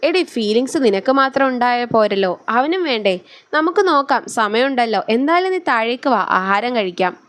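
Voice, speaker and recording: A woman voicing a gentle, affectionate young bride in a storybook reading. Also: a little high, animated, fairly quick, dry recording. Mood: amused. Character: gentle young bride, soft-spoken and warm.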